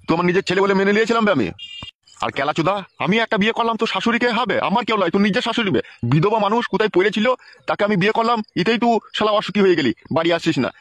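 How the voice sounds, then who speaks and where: Man playing an exasperated father, rapid swearing rant, slightly high voice, faint hiss. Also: no echo. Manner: shouting, swearing, rapid ranting. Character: ranting exasperated middle-aged father.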